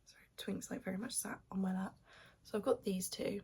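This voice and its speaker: A woman's voice: medium pitch, steady tone, fairly quick, dark tone. A young woman vlogging at home just after waking up, talking in a sleepy, half-whispered, rambling way. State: morning voice, just woken up. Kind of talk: casual morning vlog chat. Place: at home with her cat on her lap.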